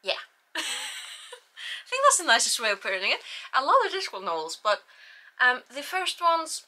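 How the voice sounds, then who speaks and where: On her book channel, a young woman from Iceland chats casually about her reading, a bit self-deprecating and prone to restarts, in an Icelandic accent. She speaks at a measured pace in a high, sharp-toned voice with big pitch swings.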